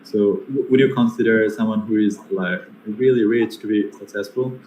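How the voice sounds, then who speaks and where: With a lowish, darkish voice, steady tone and moderate pace, a young Bangladeshi guest speaker fields online seminar questions in a Bangladeshi accent. He often uses fillers and restarts himself, and the room sounds echoey with faint noise.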